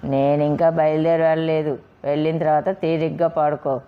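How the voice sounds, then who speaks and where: A woman voicing a domineering middle-aged wife who gives loud, scolding orders, on a slightly dull recording. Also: deep voice, normal speed, natural voice. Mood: bossy.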